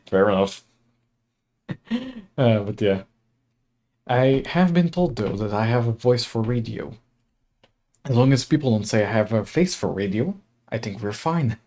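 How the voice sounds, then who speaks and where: A young Slovak man streams a game with casual livestream chat, laughing often and reading game text aloud into a desk mic. His medium-pitched, darkish voice is animated but a little slow, with long pauses.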